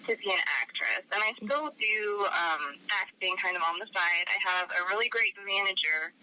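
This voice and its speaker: A woman's voice: medium pitch, normal speed, sharp tone, poor audio. A young woman from Arizona with a cold, a guest author talking in a casual interview, chatty and giggly with many fillers. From Arizona, USA. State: has a cold.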